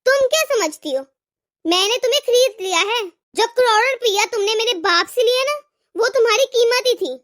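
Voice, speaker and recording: A woman's voice: very high voice, expressive, normal speed, fairly bright tone. A woman voicing an arrogant, lazy young wife in a cartoon who taunts her in-laws with scorn. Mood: defiant. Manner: taunting, sneering.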